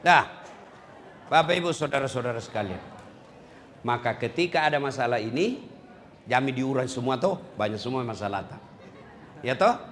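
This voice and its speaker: Lively Makassar-accented preacher in a hall. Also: male voice, normal speed, long pauses. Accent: Makassar Indonesian. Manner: jokey, shifts between low asides and loud exclamations. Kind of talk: humorous sermon. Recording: hall reverb, faint ambience.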